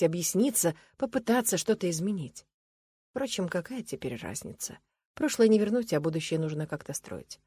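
A woman's voice: lowish voice, darkish tone, no room sound. A woman reading a first-person story aloud, in an earnest, reflective and emotional way.

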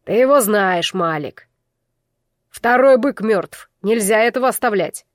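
A woman's voice: mid-range voice, lively intonation, measured pace, no echo, studio quality, lightly acted. A woman voicing an older male bull warrior who insistently accuses and demands. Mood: accusing.

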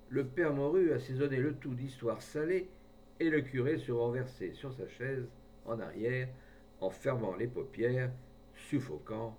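A man reading a short story aloud in a measured way, recorded from a distance with a faint rumble behind. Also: darkish tone. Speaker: audiobook reader.

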